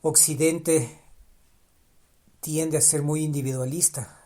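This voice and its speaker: A man with a warm, slightly high voice talks slowly and steadily, alone on his podcast. Reflective, he often begins phrases again and repeats ideas for emphasis, and his first language is Spanish.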